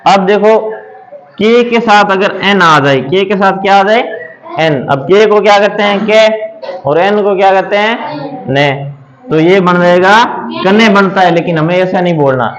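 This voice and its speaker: High-voiced man drilling a phonics lesson. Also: measured pace, a bit bright. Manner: repeats questions and answers them himself, patient and drilling; writes examples on a board while talking. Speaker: teacher. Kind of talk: classroom lesson on English phonics. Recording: dull lo-fi recording.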